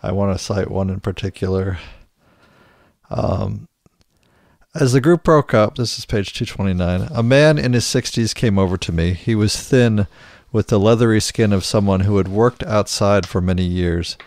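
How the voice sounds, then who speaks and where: Podcast co-host, man, deep-ish, halting casual delivery with fillers. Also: a little mellow, no room sound, clean studio sound. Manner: hesitant, many restarts and fillers. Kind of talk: casual chat, reading book excerpts aloud.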